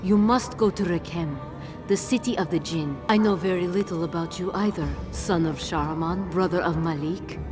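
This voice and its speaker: A solemn fantasy game heroine, acted by a woman, speaks in a fairly low, emotionless monotone. She sounds grave and detached, with music clearly playing behind her. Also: moderate pace, natural voice. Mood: solemn, flat. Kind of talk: scripted video game dialogue. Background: clearly audible music.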